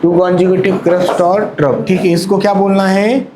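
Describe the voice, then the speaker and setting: A man teaches a chemistry class in a fairly high voice. He keeps repeating questions and then answering them for the students, with faint room noise behind him. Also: level tone, measured pace. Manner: repeats questions and answers them himself, mixing Hindi and English; calls out to students, urging them to answer aloud. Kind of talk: classroom lecture.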